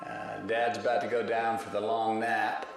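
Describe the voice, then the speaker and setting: An actor playing a weary father in a film, recording a halting message for his children. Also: fairly low pitch, level tone, background noise, natural voice. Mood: tender, hesitant. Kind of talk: film drama dialogue. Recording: echoey distant film audio, faint music.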